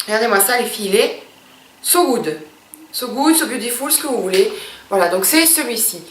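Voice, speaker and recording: Chatty girl doing a makeup review, kinda high voice, roomy echo, a bit far from the mic. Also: lively intonation, moderate pace, slight background noise. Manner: chatty, gushing, many fillers. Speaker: beauty vlogger.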